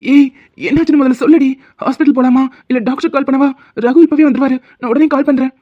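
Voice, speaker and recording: A woman voicing a teasing, doting young husband in an animated cartoon who worries easily. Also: high-pitched, quick pace, no echo, highs cut off, close to an everyday voice. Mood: worried doting. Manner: teasing, fussing, affectionate.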